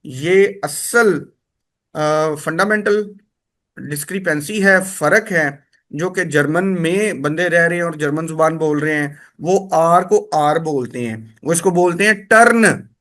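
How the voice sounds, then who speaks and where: High-voiced man teaching step by step. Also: fairly bright tone. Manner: explains step by step, repeats words slowly to drill sounds. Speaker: language teacher. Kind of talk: spoken lesson.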